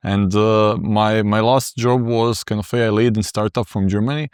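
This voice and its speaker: Measured low-voiced man, English. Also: steady tone, a little mellow, smooth, no room sound, clean studio sound. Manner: measured, slightly halting non-native phrasing. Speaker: startup CTO and co-founder. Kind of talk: casual interview talk.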